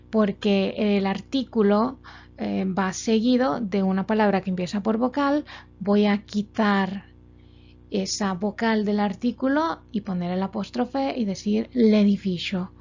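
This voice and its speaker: A language teacher works through a grammar lesson from slides, explaining step by step with plenty of examples at a slow, methodical pace. Her voice is medium-pitched and slightly mellow, with some vocal fry. The lo-fi recording sounds dull, and faint music plays underneath.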